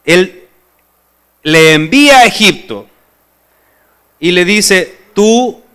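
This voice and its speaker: A male pastor preaching with a bright, crisp and smooth voice, pitched a little high for a man. He puts questions to the congregation and delivers his points expressively. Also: lively intonation, slow. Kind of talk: sermon.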